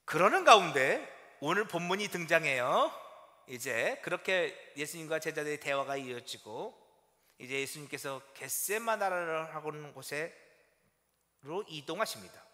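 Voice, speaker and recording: A male pastor preaching a Sunday sermon in a church, animated and asking his congregation rhetorical questions. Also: a little high, normal speed. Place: church sanctuary. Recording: long church-hall reverb.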